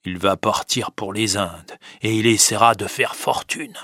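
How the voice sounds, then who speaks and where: A man's voice: fairly low pitch, a little slow, pushed and bright, no room sound, studio quality, full character voice. A man reading aloud who voices a stern, miserly old wine-grower father who counts every coin. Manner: counting money aloud, insistent. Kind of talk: audiobook reading.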